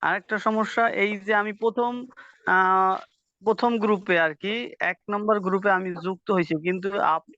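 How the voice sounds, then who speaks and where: A man's voice: sits high, fairly even intonation, moderate pace, bright, forceful tone, no echo, highs cut off. A man, a student, politely and hesitantly asking his teacher questions on a group call. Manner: polite, hesitant, unsure with technology.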